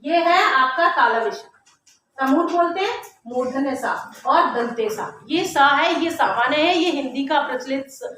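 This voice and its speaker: A woman teacher giving a classroom grammar lesson, explaining step by step and slowly sounding out letters to demonstrate. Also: sits high, lively intonation, pushed and bright. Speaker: Hindi teacher. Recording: very echoey classroom with faint noise.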